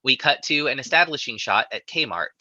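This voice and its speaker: A man's voice: medium pitch, expressive, moderate pace, sharp tone, no echo, dull audio. A man narrating stage directions in a live screenplay reading.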